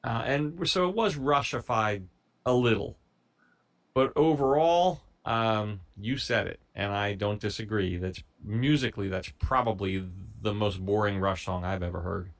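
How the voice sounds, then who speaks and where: A man co-hosting a music reaction show, chatting in an easygoing, measured way and telling stories about the band. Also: lowish voice. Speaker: show co-host picking the music. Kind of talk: casual chat.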